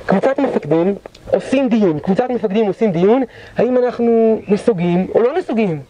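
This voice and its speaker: Guy guiding a history tour, high-ish mellow voice, tells it all dramatic, muffled lo-fi sound. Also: animated, a little hiss or hum. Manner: dramatic storyteller, acts out quoted shouts. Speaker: tour guide. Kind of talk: guided tour storytelling lecture. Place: historic site on a guided tour. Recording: dull lo-fi recording.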